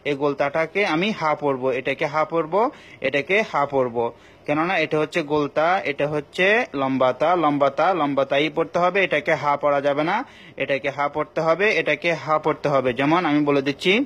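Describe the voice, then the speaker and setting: A man with a Bangladeshi Bengali accent teaching Quran recitation rules in a recorded class, patient and repeating each point, with slow chanted examples. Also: a little high, fairly even intonation, fairly bright tone.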